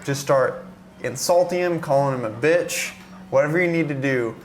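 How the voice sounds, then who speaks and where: A man's voice: a little high, moderate pace. A man playing a tabletop game, talking through his plans in a casual, easygoing way. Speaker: player.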